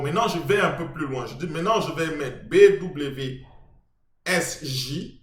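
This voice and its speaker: Man, slightly high voice, stop-start lecturer walking through transliterations with fillers, roomy echo. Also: fairly bright tone. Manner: emphatic, stop-start explaining with many fillers. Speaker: self-taught lecturer. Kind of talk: explaining on-screen transliterations. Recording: echoey room.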